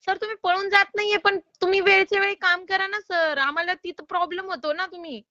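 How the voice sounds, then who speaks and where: High bright woman on a phone call. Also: steady tone, fairly quick, dry recording. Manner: polite but insistent, exasperated. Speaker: loan collection caller.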